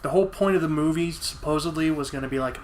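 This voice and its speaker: A man's voice: a little high, fast talker. A man talking casually as co-host while he plays a video game. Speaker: let's play co-host playing the game. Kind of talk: casual chat while gaming. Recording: faint background noise.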